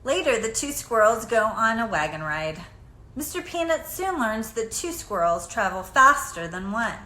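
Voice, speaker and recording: A storybook reader with a voice on the high side brings a children's picture book to life in an expressive, unhurried way. Faint background noise and room echo come through on the recording.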